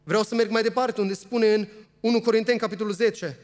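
A high-voiced man preaches earnestly, reading lengthy scripture passages aloud and repeatedly asking his listeners rhetorical questions. His fairly even delivery rings out with a long reverb, like in a church hall.

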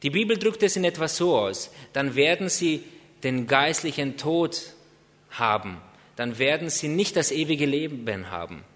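Earnest preacher in a reverberant hall. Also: male voice, a little high, lively intonation, a bit bright. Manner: earnest, rhetorical questions, drawn-out emphasis. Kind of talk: sermon.

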